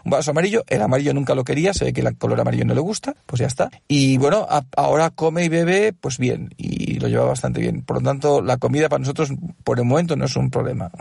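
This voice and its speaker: Man, parent testimonial, patient explaining, raspy, dry close sound. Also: medium pitch, quick pace, darkish tone, no echo. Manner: explains patiently with many fillers and asides. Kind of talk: casual testimonial.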